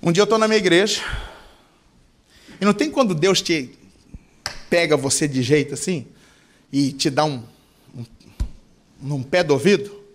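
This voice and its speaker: A young man preaching as a pastor, telling a personal story and leading a prayer, with passion that swings between loud and hushed. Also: a little high. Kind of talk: sermon with testimony and prayer.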